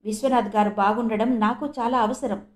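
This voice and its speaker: A woman's voice: on the high side, steady tone, moderate pace, close to an everyday voice. A woman voicing an evasive middle-aged male doctor who answers defensively in a storybook reading.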